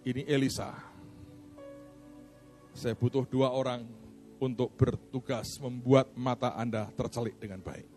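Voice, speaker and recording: A man preaching a sermon in a church, swinging from loud, urgent preaching to hushed storytelling. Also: medium pitch, fairly even intonation, a little slow, long pauses, faint music behind. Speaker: pastor. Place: church hall with congregation.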